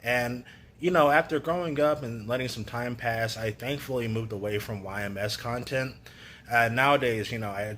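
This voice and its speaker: A man's voice: medium pitch, fairly bright tone, slight background noise. A man giving a casual, opinionated rant to camera, sarcastic and full of "you know" fillers. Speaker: YouTube commentator.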